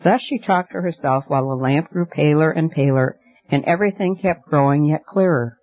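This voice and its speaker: A man's voice: a little high, moderate pace, no echo. Man narrating a storybook, dry lo-fi. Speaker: audiobook narrator. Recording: dry, dull lo-fi recording.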